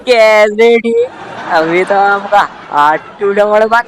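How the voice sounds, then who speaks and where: A man voicing a fussy middle-aged neighbor uncle who asks slow, drawn-out, disbelieving questions. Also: high-pitched. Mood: prying.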